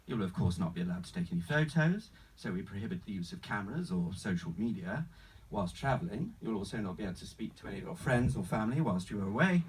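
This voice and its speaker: A man acting as an unflappable, courteous travel agent with a faintly sinister sales pitch, in a screenplay table read. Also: sing-song, fast talker, distant mic, slight background noise, rough recording. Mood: calmly assured. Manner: formal, courteous, salesman-like, calls the customer sir.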